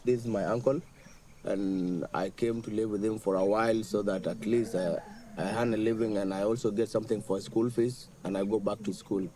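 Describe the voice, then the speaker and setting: Young guy, low and mellow, talks plain and earnest about fishing, outdoors. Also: fairly even intonation, normal speed. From South Sudan. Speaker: fisherman. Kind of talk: interview on camera.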